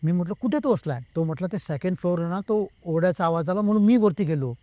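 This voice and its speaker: Male guest storyteller, slightly high voice, mellow timbre, close dry recording. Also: fast talker, no echo. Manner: retells the talk of others himself, slipping between Marathi and Hindi. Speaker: guest telling a true ghost story. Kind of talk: casual storytelling.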